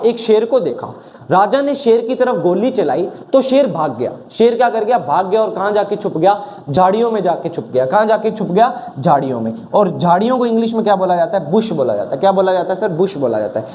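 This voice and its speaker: A man's voice: sits high, warm tone, a little hiss or hum. A man teaching exam vocabulary, asking questions and answering them himself, with a slightly sore throat. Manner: asks questions and answers them himself, repeating key words.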